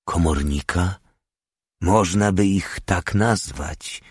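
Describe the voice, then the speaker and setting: A man voicing a weary, humble old prisoner in an audiobook, speaking quietly with dignity. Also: sits low, slow, slightly rough, dry recording, clean studio sound, full character voice.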